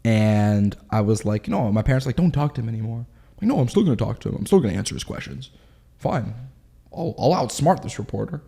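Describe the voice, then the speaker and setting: A man of twenty, telling his story in a candid interview in quick, animated bursts. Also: mid-range voice, creaky, husky. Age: 20s. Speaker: guest.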